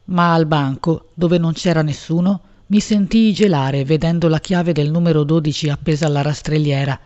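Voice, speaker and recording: A woman's voice: deep voice, normal speed, a little mellow, muffled recording. Woman narrating a literary audiobook.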